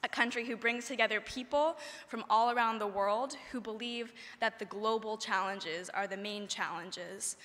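A young woman giving a prepared conference speech from a podium in a large hall, measured and earnest. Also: medium pitch, sharp tone. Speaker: conference speaker. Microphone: podium microphone. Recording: long hall reverb.

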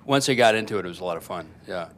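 A man's voice: deep voice, lively intonation, rapid-fire, a little hiss or hum. A man being interviewed as an actor at a press event, answering in an easygoing, rambling way.

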